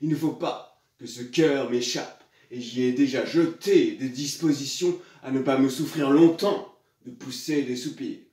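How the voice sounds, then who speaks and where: A man's voice: medium pitch, a little slow, mellow, close to an everyday voice. A man playing a suave, hypocritical nobleman seducer in classical French theatre, declaiming in a pompous, hammy stage manner. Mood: grandiose, scheming. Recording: echoey room, far from mic.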